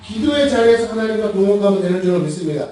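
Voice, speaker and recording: A man's voice: sits high, very fast. A man preaching a sermon as pastor, asking the congregation questions and laughing as he acts things out. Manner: animated, asks the congregation questions, laughs while mimicking. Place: church sanctuary. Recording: echoey church hall, mic far off.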